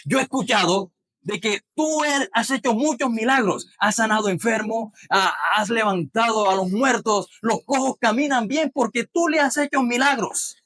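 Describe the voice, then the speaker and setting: A preacher voicing a pleading blind beggar. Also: male voice, very high voice, normal speed, bright, forceful tone, voice pushed up, heavily acted. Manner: pleading, crying out. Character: blind beggar pleading for mercy, grown man.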